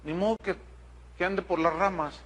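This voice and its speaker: A man's voice: high-pitched, normal speed. A male pastor preaching a sermon to his congregation, telling a story directly and acting out the people in it. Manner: animated storytelling, quotes people in their voices. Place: church.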